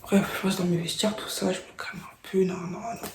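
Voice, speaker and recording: A young woman telling a storytime vlog in slangy, animated chat, dropping into whispered asides. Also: mid-range voice, moderate pace, background noise. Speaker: vlogger. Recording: roomy echo.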